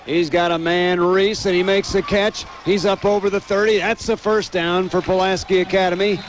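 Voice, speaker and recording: A high-voiced American man, moving at a moderate clip, calls football action live for radio. Steady outdoor noise from the stadium is audible throughout.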